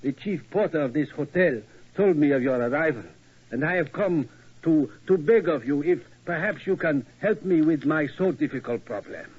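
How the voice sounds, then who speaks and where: An actor playing an anxious elderly German tower keeper who speaks halting, broken English with a German accent, in a 1940s radio drama. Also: male voice, a little high, lively intonation, breathy edge. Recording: dull old radio broadcast.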